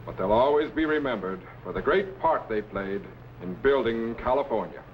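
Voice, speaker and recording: An actor playing a calm, commanding time-traveling scientist captain in a 1950s science fiction serial, speaking with measured authority. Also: male voice, mid-range voice, slight background noise, close to an everyday voice. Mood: measured, reflective. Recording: dull, muffled vintage serial soundtrack.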